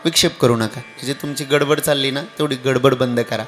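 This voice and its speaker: A young man preaching a devotional kirtan sermon, chanting refrains and swinging from quiet asides to shouted climaxes. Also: mid-range voice, fairly even intonation, moderate pace, soft background music. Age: young adult.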